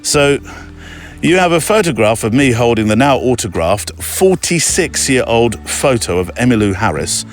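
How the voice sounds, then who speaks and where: A man hosting a podcast, reading a listener's letter aloud in a chatty, digressive way with quick asides. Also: medium pitch, sing-song, faint music behind. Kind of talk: casual storytelling read-aloud.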